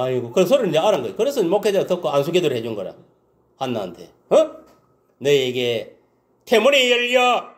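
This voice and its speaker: A man preaching a Sunday sermon. He keeps asking the congregation whether they understand and agree, and he swings between loud exclamations and low muttering. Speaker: pastor.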